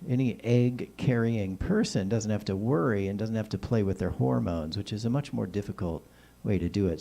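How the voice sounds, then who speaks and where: A man's voice: on the low side, warm tone. A man with a whistling s hosting a call-in show, giving opinionated, joking monologues addressed straight to listeners. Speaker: talk show host.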